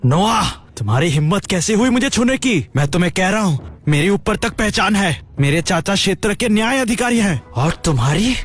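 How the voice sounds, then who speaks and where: A man's voice: high voice, very animated, moderate pace, breathy edge, heavily acted. An actor playing an arrogant young male villain who sneers and boasts, then whimpers when beaten, in a Hindi drama dub. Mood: boastful. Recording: soft music behind the voice.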